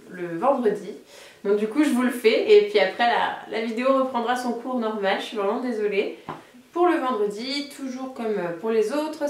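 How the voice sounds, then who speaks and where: A woman teaching a beginner Italian lesson, patiently repeating each word slowly. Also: a little high. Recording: roomy echo, voice a bit off-mic, faint ambience.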